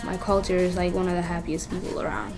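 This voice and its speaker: Talking fast in a lowish voice with little pitch movement, a woman from Kenya tells her personal story in an interview at a community youth center. She's candid and fills her speech with "you know" and "like," while a music bed runs beneath the recording.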